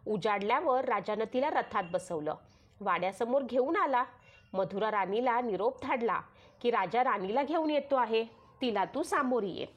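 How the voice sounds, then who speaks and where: On dull audio, a woman with a Marathi accent recounts a traditional devotional story at normal speed. Her pitch sits a little above most women's, and she keeps an even, sing-song cadence, voicing the dialogue as part of it.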